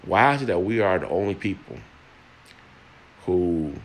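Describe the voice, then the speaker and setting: A man's voice: low voice, lively intonation, measured pace. An older man in a personal monologue, earnest and plain-spoken, often repeating words and restarting as he speaks to listeners.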